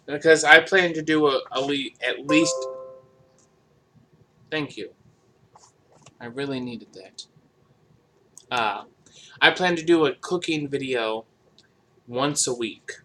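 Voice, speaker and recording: A man casually chatting while cooking in his home kitchen, sounding low-energy and a bit sick with a dry throat, talking in a monotone full of fillers. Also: slow pace, pauses often. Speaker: cooking vlogger. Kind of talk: casual cooking vlog chat. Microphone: camera across the kitchen.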